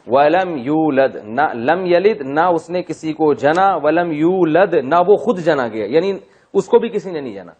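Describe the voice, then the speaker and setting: A man leads a classroom lesson on Arabic grammar, dwelling on each word as he recites it slowly and breaking in with humorous asides. His voice sits a little high for a man, and the recording is dull and muffled. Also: expressive, darkish tone. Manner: drawn-out, deliberate recitation of Arabic words, joking asides. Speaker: Quran teacher.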